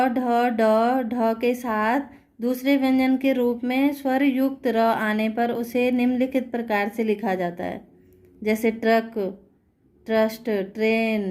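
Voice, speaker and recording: A woman with a slightly high, darkish voice teaches Hindi grammar in a classroom-style explanation. She is patient, repeats words slowly, and checks understanding with rhetorical questions.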